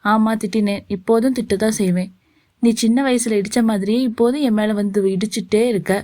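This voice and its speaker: A woman's voice: a little high, fairly even intonation, brisk, dark tone, no echo, studio quality, close to an everyday voice. A woman voicing a teasing, bossy young man who gives orders, read as part of a story. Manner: teasing, commanding.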